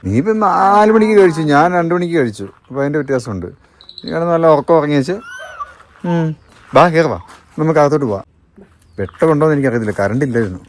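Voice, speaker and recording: A woman's voice: low-pitched, big pitch swings, fast, slight background noise. A woman chatting casually in a home vlog, teasing and coaxing small children outdoors and then inside the house. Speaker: family vlogger.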